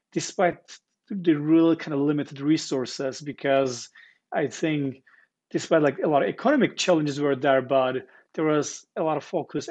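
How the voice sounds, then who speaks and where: Guest in his forties, on earbuds in a living room; a fairly high voice, earnest, talking in halting restarts. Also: darkish tone. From Turkey. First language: Turkish. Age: 40s. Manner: earnest, repeats words while searching, fillers. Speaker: guest founder. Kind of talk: casual interview storytelling. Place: living room with armchairs, indoors. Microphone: earbuds on video call.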